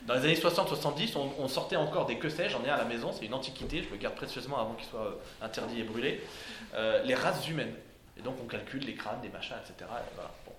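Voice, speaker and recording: A man's voice: mid-range voice, fast talker, a bit bright, slight background noise. A man giving an informal lecture to a live audience indoors, hesitant, with many fillers and restarts. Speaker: speaker giving a talk. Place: indoor room with listeners. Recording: echoey room, faint ambience.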